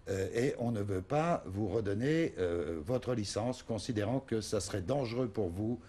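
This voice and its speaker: A male TV talk show host who asks probing questions in a lively way. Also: fairly low pitch, moderate pace, husky.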